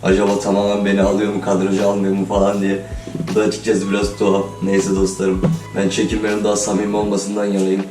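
A sick young vlogger speaks quickly in a lowish, flat, robot-like voice, chatting to camera and constantly addressing viewers as "friends." He's in a holiday home's kitchen, captured by a tripod-mounted camera a few steps away, so the audio is roomy and distant with faint music.

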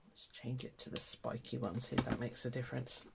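Her voice rumbles low and creaky, level in tone and brisk, with background noise behind it. She's an older woman from England with a cold, hosting a craft channel and casually chatting while she packs sewing kits at an indoor table under a hands-only overhead camera, cheerfully putting herself down as she works.

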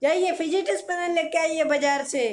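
A young man voicing a loud, bossy mother who shouts at her husband in a comedy sketch. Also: very high-pitched, steady tone, moderate pace.

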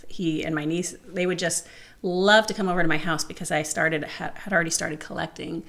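A woman's voice: fairly low pitch, fairly even intonation, fairly quick, vocal fry, a bit bright. A middle-aged woman speaking in an earnest, explanatory way in a casual round-table discussion. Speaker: panel guest. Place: living room, seated at a round table. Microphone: table-mounted microphone.

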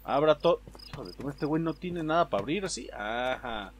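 A man's voice: on the high side, expressive, brisk, a little hiss or hum. A young man with a Mexican Spanish accent, commenting on a game in a joking, slangy way while he talks to his viewers. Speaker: gaming streamer. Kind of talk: gameplay commentary.

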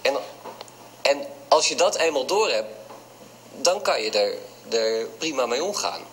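A man with a stutter answers interview questions thoughtfully, often repeating sounds and pausing on fillers. Faint background noise runs under his middle-pitched voice. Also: sing-song, poor audio. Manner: stutters, hesitant and reflective. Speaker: interview guest.

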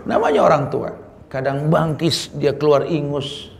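A man preaching an Islamic sermon, animated and rising to emphatic peaks. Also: fairly high pitch, a little slow, vocal fry, slight background noise. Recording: echoey hall.

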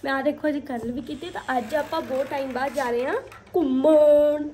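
High-pitched young woman vlogging. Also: fairly even intonation, a little fast, a little hiss or hum. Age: 20s. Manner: chatty, addresses viewers as "guys". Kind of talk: casual vlog chat. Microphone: phone at arm's length. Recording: loud music over phone vlog audio.

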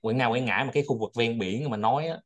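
A man's voice: mid-range voice, fast talker. A man hosting a study group, chatting casually and rambling, often repeating his words.

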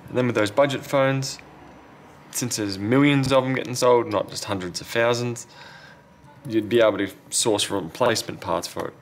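Background noise is plain in this clip of a phone repair tech and video host chatting casually as he works at an indoor bench. His mid-range voice moves at a moderate pace, and he mutters to himself at times.

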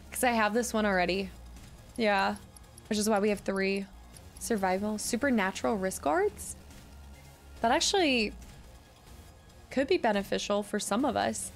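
A woman's voice: medium pitch, gravelly. A young adult woman streamer giving casual, chatty game commentary and thinking aloud in a room at home. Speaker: gaming streamer. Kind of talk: casual let's play commentary.

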